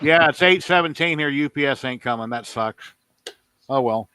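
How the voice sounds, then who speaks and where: A man's voice: medium pitch, moderate pace, pushed and bright, clear, resonant tone, dry recording. A man in his fifties hosting a livestream, telling rambling stories in casual chat. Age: 50s. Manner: rambling storyteller. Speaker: livestream host.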